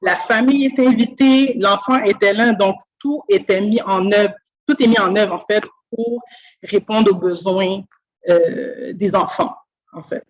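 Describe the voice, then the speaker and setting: On a low-quality video call from her school office, a Québécois woman who works as a school speech-language pathologist is interviewed conversationally about her job. Her voice is mid-range and unhurried, and she talks with sincere reflection, often using fillers and restarting, in a Québécois French accent.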